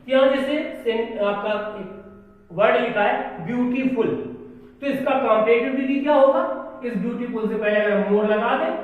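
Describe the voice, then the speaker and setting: Man, grammar teacher, asks and answers his own questions, slow spelled-out examples, long hall echo, distant mic. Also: very high voice, narrow, tinny audio. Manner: slow, drawn-out words as he writes on a board; asks questions, then answers them himself. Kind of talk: classroom grammar lesson. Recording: echoey hall, mic far off.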